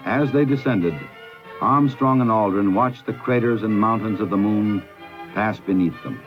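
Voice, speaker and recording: A man narrating a scripted documentary in a measured, dramatic storytelling manner. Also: fairly low pitch, lo-fi sound. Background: music.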